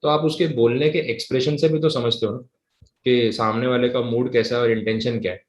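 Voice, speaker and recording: A man teaching a live class, explaining at a casual pace and slowly dictating definitions word by word. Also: medium pitch, fairly even intonation, reverberant, rough recording. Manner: switches between conversational talk and English reading.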